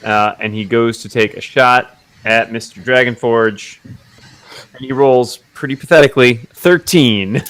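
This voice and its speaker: A man's voice: medium pitch, unhurried, fairly bright tone. A man narrating a tabletop role-playing game as game master, describing the action to his players.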